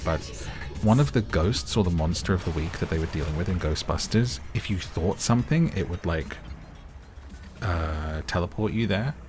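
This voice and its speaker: A low-voiced man hosts a chill let's-play, rambling through casual gameplay commentary with self-deprecating asides. He's slightly losing his voice today, and music plays in the background.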